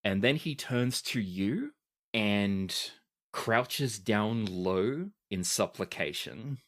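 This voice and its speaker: A man's voice: on the low side, expressive, very slow. A man narrating a tabletop game as game master, in descriptive storytelling language.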